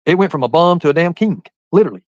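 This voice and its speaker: A man's voice: on the high side, expressive, very fast, darkish tone, no room sound, highs cut off. A man in his forties chatting on a live stream, rambling and talking straight to his viewers by name. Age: 40s. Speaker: livestreamer reading chat. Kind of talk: casual live-stream chat.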